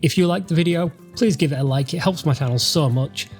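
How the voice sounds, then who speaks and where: With soft music behind him, a gaming host from the United Kingdom talks a little fast in a fairly high voice. His let's-play voice-over on the gameplay is sarcastic and dryly mocking.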